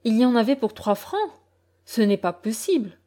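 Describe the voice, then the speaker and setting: A woman voicing an anxious, sharp-tongued middle-aged mother who talks in an urgent, scolding way. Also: mid-range voice, normal speed, lightly acted. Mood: indignant.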